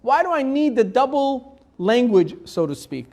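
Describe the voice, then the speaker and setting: In a live Torah class, the rabbi reads and translates Hebrew verses piece by piece and asks loose rhetorical questions, restarting and using fillers as he talks. His voice is very high and very animated, with a darkish tone at a normal speed.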